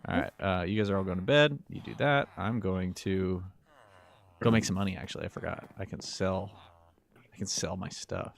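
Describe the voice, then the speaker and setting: A man streaming a village-building game, chatting casually and muttering quietly to himself as he plays. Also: deep voice, normal speed, creaky. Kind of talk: casual live-stream chat.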